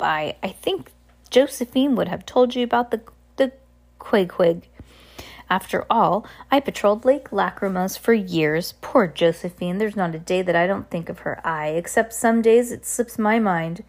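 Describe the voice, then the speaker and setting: A woman's voice: medium pitch, lightly acted. A woman voicing a hyper, blustering male submarine captain in a children's storybook, rambling, exclaiming and contradicting themselves. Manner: rambling, self-contradicting, exclamatory rapid-fire talk. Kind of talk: children's storybook read aloud.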